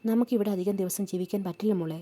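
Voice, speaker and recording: Woman reading as an anxious young seamstress, pleading, very mellow dark tone; storybook narration. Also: mid-range voice, fast talker, natural voice. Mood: resigned.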